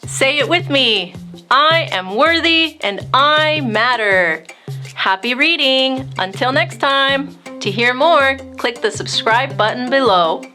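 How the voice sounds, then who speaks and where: Soft music plays in the background while a woman with a high-sitting voice hosts storytime. She reads a picture book to young listeners, expressive and measured.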